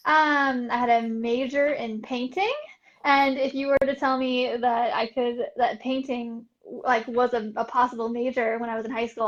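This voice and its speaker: A young woman, an artist and art business coach, is the guest in a casual interview, chatting upbeat with lots of fillers and laughter. Her voice is fairly high and a bit bright. The audio is dull and lo-fi.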